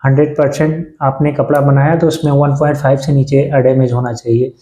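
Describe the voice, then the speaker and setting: A man in his thirties chatting reflectively to camera in a halting way, pausing and restarting often. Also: mid-range voice, level tone, warm tone, reverberant. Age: 30s. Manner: halting, with many pauses and restarts. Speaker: vlogger. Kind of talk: casual reflective talk to camera.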